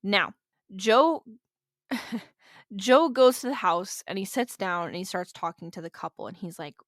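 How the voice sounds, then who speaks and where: A woman hosting a podcast tells a true-crime story in a loose, chatty way. She swears freely and breaks off for jokes and asides. Her voice sits at an ordinary middle pitch and sounds close and dry, with no room echo. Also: unhurried. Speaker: podcast host.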